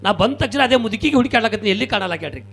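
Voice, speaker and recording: A male stage comedian from Kalaburagi with a North Karnataka Kannada accent, telling lively, punchy stories straight to the audience. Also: high voice, very fast, gravelly, slightly rough. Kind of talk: live comic storytelling. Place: stage at a religious gathering.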